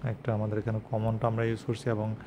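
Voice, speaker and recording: A man with a lowish, monotone voice talks fast as he narrates an unscripted installation tutorial, dropping English technical terms into simple instructions. Loud ambient and vehicle-like noise fills the recording.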